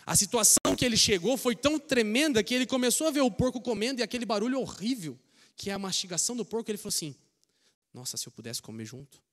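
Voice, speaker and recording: A man with a Brazilian Portuguese accent preaching a sermon, telling the story in an animated way that swings between soft asides and emphatic rises. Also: very high-pitched, racing. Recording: long reverb of a church hall.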